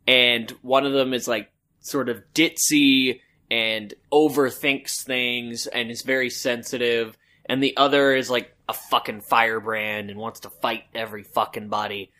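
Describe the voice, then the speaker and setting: A man's voice: mid-range voice, little pitch movement, unhurried, bright, forceful tone. A man co-hosting a podcast, chatting casually about a book and rambling with lots of "like" and "um". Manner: rambling, full of "like" and "um". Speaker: podcast co-host. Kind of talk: casual book-discussion chat.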